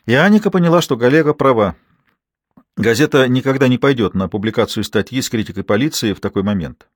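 Brief: measured male narrator, medium pitch, dry studio audiobook. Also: expressive, dry recording. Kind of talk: scripted narration.

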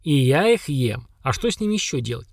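A man voicing an ancient, simple-minded lake monster, speaking in slow, blunt, flat statements. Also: medium pitch, no room sound, studio quality. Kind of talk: audiobook character voice.

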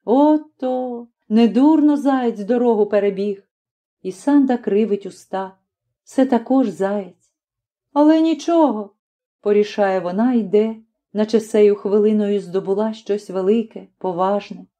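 A woman reading a classic story aloud as an audiobook narrator, in a measured and expressive way. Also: medium pitch, lo-fi sound.

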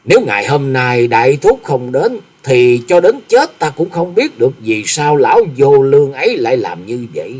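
A man voicing a distraught, wronged middle-aged wife who laments slowly and bitterly through tears in a story reading. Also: medium pitch, sing-song, dark tone, breathy edge. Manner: tearful, slow, accusing lament.

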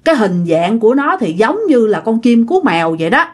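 A woman voicing an old great-grandfather, blunt and bold, who talks in a loud, calling way. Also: on the high side, big pitch swings, brisk. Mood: uneasy.

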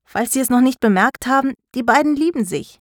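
A woman's voice: high-pitched, lively intonation, brisk, dry recording, pitched above the performer's own voice. A woman voicing a cheeky teenage schoolboy who speaks bluntly, in a dry storybook recording.

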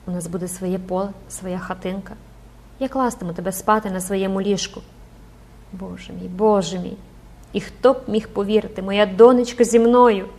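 A woman's voice: medium pitch, fairly even intonation, moderate pace, darkish tone, natural voice. A woman voicing an older mother, torn between tearful joy and terror, who cries out prayers to God. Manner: emotional, exclaiming prayers. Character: older grieving mother, frantic and overjoyed.

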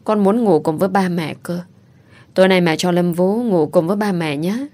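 A woman's voice: lowish voice, moderate pace, dark tone, close to an everyday voice. A woman voicing a sweet, clever little boy who talks in eager, childlike questions.

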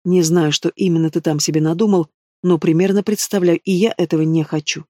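A man's voice: a little high, steady tone, brisk, dry recording, clean studio sound, close to an everyday voice. A man voicing a fiery young woman mage. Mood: indignant. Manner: sharp, indignant outbursts.

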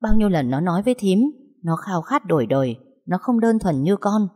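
A woman's voice: on the low side, lively intonation, brisk, darkish tone. A woman voicing a protective, motherly older kitchen aunt who comforts and scolds by turns, in a storybook reading. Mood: firm. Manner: soothing, then firm and scolding. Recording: long hall reverb.

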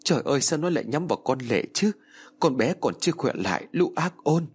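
Brief: man voicing a sobbing elderly grandmother, high-pitched lament in a horror audiobook. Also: sing-song, fairly quick, a little mellow, slightly rough, full character voice. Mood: weeping. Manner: wailing, lamenting. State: crying. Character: elderly grandmother, weeping over kidnapped daughter.

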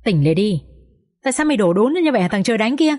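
A woman's voice: fairly high pitch, very animated, quick pace, a little mellow. Woman reading as a blunt scolding mother-in-law. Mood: angry scolding.

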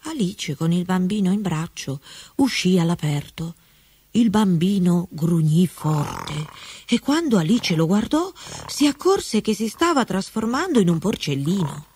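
A woman reading a fairy tale aloud with slow, expressive storybook narration. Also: fairly low pitch, husky.

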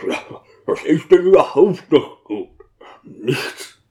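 A man's voice: medium pitch, sing-song, unhurried, darkish tone. A man voicing a grieving, stubborn deacon who grumbles in a sulky, weary way. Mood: grumbling.

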